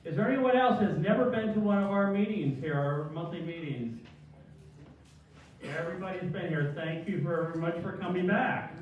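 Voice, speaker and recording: A man's voice: high voice, normal speed, phone-quality sound. A man chairing a meeting makes informal announcements in a chatty, joking manner. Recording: very echoey hall, distant mic.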